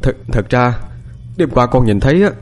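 A man's voice: mid-range voice, lively intonation, normal speed, a little mellow, faint music behind, voice pushed up, close to an everyday voice. A man voicing a frightened young village boy who stammers through tears in an audiobook. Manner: stammering, tearful. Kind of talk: audiobook character voice.

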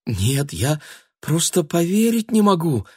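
A man voicing a bewildered young woman who speaks softly and haltingly, in an audiobook. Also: fairly high pitch, big pitch swings, slightly rough, no room sound, clean studio sound, pitched above the performer's own voice, full character voice. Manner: soft, halting.

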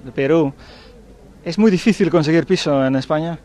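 His voice is somewhat high and darkish, delivered at a moderate pace. As a field reporter among street crowds in a town, he chats and asks brief, direct questions for an on-location news report and street interviews.

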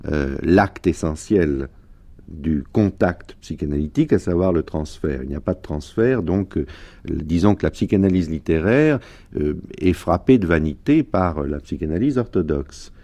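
A man speaking as a literary critic on the radio, thoughtful and halting with many fillers. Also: deep voice, lively intonation, warm tone. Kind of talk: radio interview.

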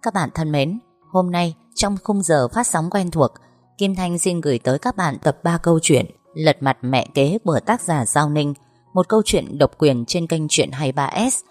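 A woman narrating a story as a channel host, in a calm, measured manner. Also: sits low, faint music behind. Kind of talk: scripted narration.

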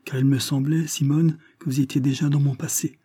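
A man's voice: lowish voice, steady tone, moderate pace, mellow, husky, no room sound, clean studio sound. Man reading a heartbroken, bitter young engineer. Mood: bitter reproach. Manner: impassioned, reproachful.

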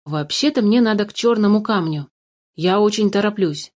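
A woman's voice: medium pitch, moderate pace, darkish tone, natural voice. A woman voicing a polite, honest young boy in a storybook reading, earnest and courteous.

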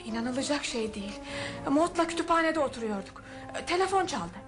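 In a radio play, a woman with a high voice portrays a wealthy household's daughter who is composed, resolute and suspicious. She speaks firmly and formally, sounding composed yet concerned.

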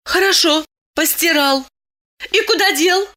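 A woman's voice: unhurried, pushed and bright, full character voice. A woman voicing a frightened, pleading young woman. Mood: insistent. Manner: urgent, high-pitched pleading.

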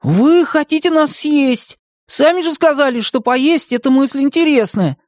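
A reader doing a shrill, excitable young hero. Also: normal speed, no room sound, clean studio sound, lightly acted. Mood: excited. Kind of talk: audiobook character voice.

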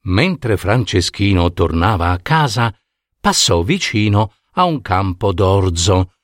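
A man with an Italian accent narrating a fairy tale in an expressive scripted reading. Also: deep voice, dry recording, studio quality. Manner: expressive, unhurried. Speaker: storyteller.

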